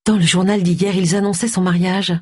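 A woman voicing a gentle vicar's wife. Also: lowish voice, level tone, a little fast, breathy edge, no echo, studio quality. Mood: friendly.

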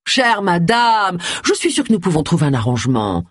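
Reader putting on a pompous bossy guy running an agency, big swooping voice, slow and pushy, kinda husky, dry sound. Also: mid-range voice, wildly swooping pitch, darkish tone, no echo, pitched below the performer's own voice. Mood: blustering. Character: pompous blustering male agency boss.

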